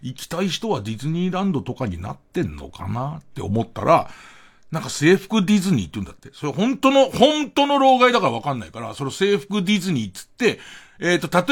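A middle-aged man talking alone on late-night radio, rambling and poking fun at himself between chuckles. His voice is high and husky, and his pitch jumps up and down all over the place. Close, intimate studio sound. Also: fairly bright tone. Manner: rambling, self-mocking, chuckling asides. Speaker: radio host.

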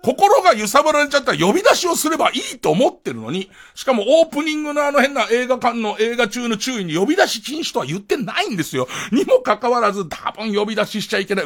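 A man hosting a late-night radio show in a casual solo monologue, animated, acting out quoted lines and laughing. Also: very high voice. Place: radio studio.

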